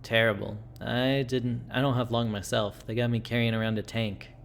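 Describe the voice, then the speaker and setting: Dying old confidant for a game, devout, blunt, halting, male reader, slightly noisy recording. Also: mid-range voice, flat delivery, gravelly, close to an everyday voice. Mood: resigned.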